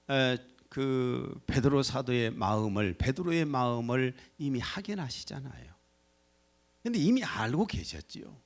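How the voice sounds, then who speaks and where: A man preaching a Sunday sermon as pastor, talking animatedly and acting out quoted lines. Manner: animated, acts out quoted lines with shifts in pitch and loudness. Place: church sanctuary.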